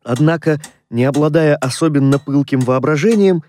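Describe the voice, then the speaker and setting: A man narrating a classic story in a measured, expressive way. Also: fairly high pitch, a little hiss or hum. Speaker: audiobook narrator. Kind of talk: scripted literary narration.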